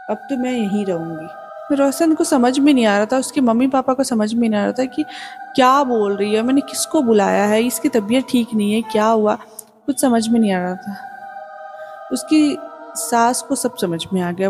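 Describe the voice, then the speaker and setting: Woman narrating a horror story. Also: on the high side. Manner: casual conversational retelling. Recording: music playing behind the voice.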